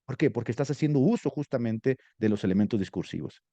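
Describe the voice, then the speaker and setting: A man teaching rhetoric to a class, animated and asking students questions. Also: mid-range voice, quick pace, no echo, lo-fi sound. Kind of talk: classroom lecture.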